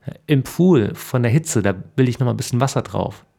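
A man's voice: mid-range voice, animated, fairly quick, vocal fry, warm tone. A man voicing a fussy, grumbling older husband who keeps fretting about his garden pool in a storybook reading. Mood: fussing.

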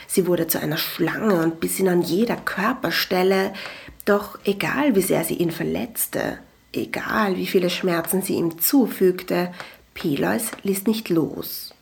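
Woman reading a fairy tale audiobook, lowish gravelly voice, calm, goes whispery sometimes. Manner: calm storytelling with soft breathy whispered passages. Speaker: narrator. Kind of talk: scripted audiobook narration.

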